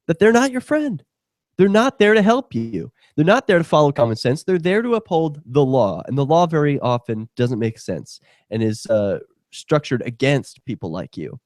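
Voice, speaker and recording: A man's voice: mid-range voice, a little mellow, no room sound, studio quality. A man hosting a talk radio show, ranting in a profane, heated and sarcastic way. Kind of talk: casual talk radio rant.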